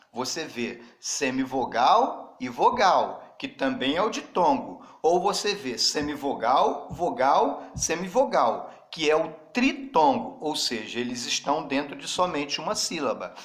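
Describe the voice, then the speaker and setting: Man, teacher, slightly high voice, unhurried, spells things out, echoey room. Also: fairly bright tone. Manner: slow and deliberate, spells out letters, addresses students directly. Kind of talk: classroom grammar lesson. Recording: roomy echo.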